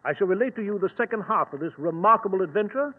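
An actor playing a blustery, loyal gentleman doctor with exclamatory, old-fashioned speech, in 1940s radio style. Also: high voice, animated, quick pace. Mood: storytelling. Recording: noisy, tinny old radio recording.

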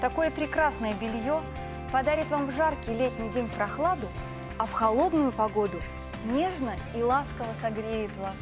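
A woman with a high voice delivers an infomercial pitch over music. She presents like a TV shopping host, gushing and stretching out luxurious adjectives for emphasis. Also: moderate pace. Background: background music.

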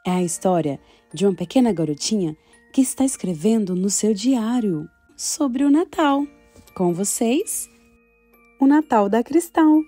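A woman hosting a children's story podcast in an animated, bubbly, exaggerated way aimed at young listeners. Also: mid-range voice, a little slow, no room sound, soft background music.

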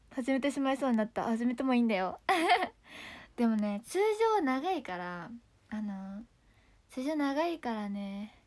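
A young woman idol chatting casually on a livestream, giggling often as she reacts to comments. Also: a little high. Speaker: idol streamer.

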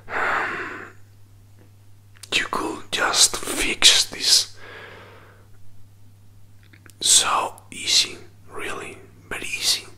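A man in his twenties in a whispered role-play, playing a hurt, jealous boyfriend who pleads haltingly in breathy, non-native English, close to the microphone. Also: sharp tone, heavily acted. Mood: pleading, frustrated. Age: 20s. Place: small indoor room. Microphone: close desk microphone with furry windscreen.

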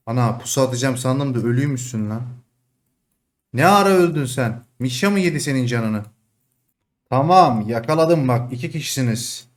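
A young man commentating his own online game match, excitable, taunting opponents with sudden shouts and dropping to low mutters. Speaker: gaming streamer. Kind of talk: live gameplay commentary.

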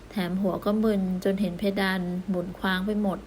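A woman reading a romance novel aloud as an audiobook narrator, calm and even. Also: medium pitch, fairly quick, a little hiss or hum.

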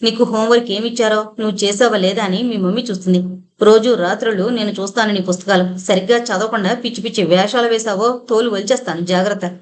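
A woman's voice: medium pitch, steady tone, quick pace, close to an everyday voice. A woman reading a storybook voices a stern, angry father who scolds and threatens his young son in a harsh, commanding way. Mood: threatening.

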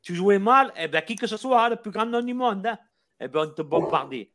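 A man's voice: high voice, animated, moderate pace, a bit bright. An older man from Marseille with a Marseille accent, a football supporter talking passionately and repeating himself in a casual chat.

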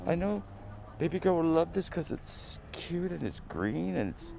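Walking through an outdoor flea market with his phone, a man from Guam casually chats and jokes to himself, calling viewers "peeps." His slightly high, creaky voice swings widely in pitch at a normal speed, with loud music and slight background noise.

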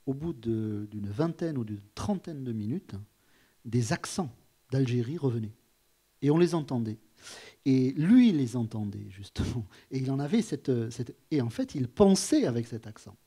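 In an auditorium, a French man hosts a live stage conversation with a public talk guest, speaking thoughtfully with many restarts as he puts questions to them. His mid-range voice is warm with a breathy edge.

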